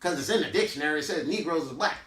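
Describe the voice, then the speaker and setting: An American man races through an emphatic, preachy teaching talk on history and culture in a fairly high, bright voice. He asks rhetorical questions and repeats himself, captured on a distant mic in an echoey room.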